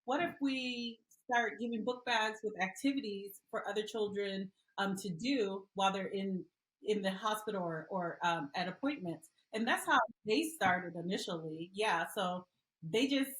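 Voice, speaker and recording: A middle-aged woman from Liberia answering interview questions in an earnest, pausing way. Her voice sits in the middle of the range and carries an echoey room sound. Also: mid-range voice, fairly bright tone. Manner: earnest, with many "um" pauses. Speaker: guest, mother and advocate.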